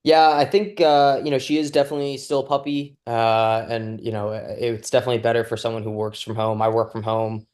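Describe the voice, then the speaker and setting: A man's voice: medium pitch, flat delivery, brisk, hardly any pauses, a little mellow. A man who fosters a dog, talking casually over a video call in a rambling, hesitant way full of fillers. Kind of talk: casual chat.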